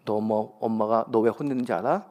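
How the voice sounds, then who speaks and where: A man voicing a young neighbor woman who teases a crying child in a low, confiding tone. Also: quick pace, a little mellow, lightly acted. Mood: teasing.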